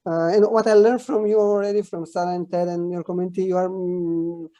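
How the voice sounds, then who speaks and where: Man, Romanian accent, native Romanian speaker, mellow relaxed tone, dry close sound, halting casual interview talk. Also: high-pitched, no echo. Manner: halting, searching for words. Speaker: interview guest, runner.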